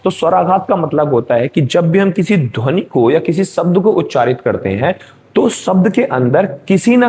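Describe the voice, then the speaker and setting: A man's voice: fairly high pitch, a little mellow, slight background noise. A male teacher giving an exam-prep grammar lesson, explaining step by step and checking in with his students.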